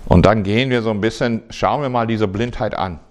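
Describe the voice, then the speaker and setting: A man's voice: fairly low pitch, a little fast. A man leading a Bible study, reading a passage aloud and then reflecting on it conversationally. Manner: conversational, with restarts.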